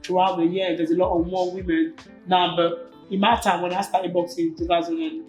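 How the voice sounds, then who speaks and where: This interview guest is a Cameroonian woman in her twenties and a native French speaker, with a lowish voice and a fairly quick pace. Her informal, lively delivery includes slangy asides, recorded in an echoey space with faint background music.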